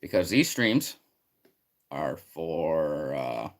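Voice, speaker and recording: Low-pitched male streamer, excitable and rambling, loud greetings to chat. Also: drawn-out words. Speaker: live streamer. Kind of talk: casual live stream chat.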